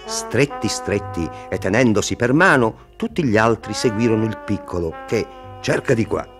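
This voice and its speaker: A man narrating a fairy tale for children, expressive and talking to them directly. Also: on the low side, normal speed, music in the background. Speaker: storyteller.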